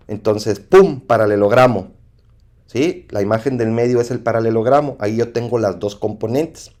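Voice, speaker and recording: Low-voiced Mexican man lecturing on statics. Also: warm tone. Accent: Mexican Spanish. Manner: repetitive, asks "¿sí?" to check understanding. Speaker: engineering instructor. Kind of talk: lecture over slides.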